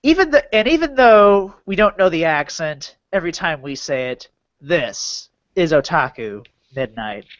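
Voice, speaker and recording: Higher-voiced man hosting, dull lo-fi audio. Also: lively intonation, unhurried, a bit bright. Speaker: podcast host. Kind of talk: casual podcast chat.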